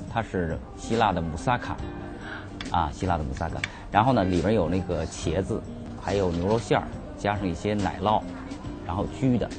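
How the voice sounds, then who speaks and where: Male chef, very low voice, matter-of-fact explainer with music bed. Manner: plain, matter-of-fact with filler "啊". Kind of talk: explaining dishes.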